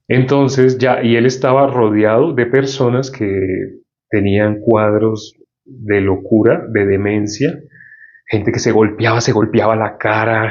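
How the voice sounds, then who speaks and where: A man preaching, telling a story in an animated way and acting out the voices of the people in it. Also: medium pitch. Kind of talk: sermon storytelling. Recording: dull lo-fi recording.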